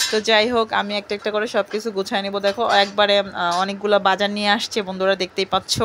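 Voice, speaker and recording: A woman's voice: mid-range voice, fairly bright tone, slight background noise. A woman from Bangladesh, chatting casually to her viewers while sorting groceries at home. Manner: chatty, addresses viewers as friends. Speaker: home vlogger. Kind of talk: casual home vlog narration.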